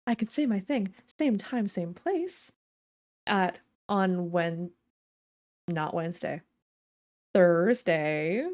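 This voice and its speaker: A woman's voice: lowish voice, darkish tone. A young woman streaming a game, chatting casually and giggling as she talks to her chat. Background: faint game music.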